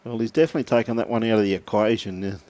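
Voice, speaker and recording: A man's voice: fairly low pitch, steady tone, racing, darkish tone, dry recording. A man with an Australian accent commentating a lawn bowls match, joking and laughing often as he reads out viewer messages. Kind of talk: live sports commentary, chatty.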